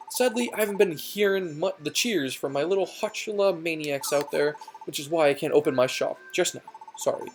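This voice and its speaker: A brash creature shopkeeper who booms at every customer as a child and shouts a catchphrase, as a player puts him on in a video game playthrough. The voice swings up and down with lots of life. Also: a little hiss or hum, lightly acted. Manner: theatrical, loud catchphrase shouts.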